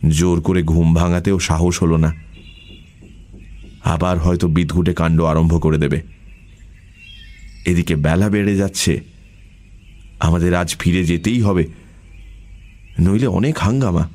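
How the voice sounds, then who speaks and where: A man narrating an audiobook story in a measured storytelling manner. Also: low voice, steady tone, warm tone. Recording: music bed under voice.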